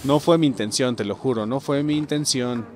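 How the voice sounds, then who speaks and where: A young Mexican man giving excitable, casual gameplay commentary, swearing freely and talking to his viewers. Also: mid-range voice, normal speed. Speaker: gameplay streamer.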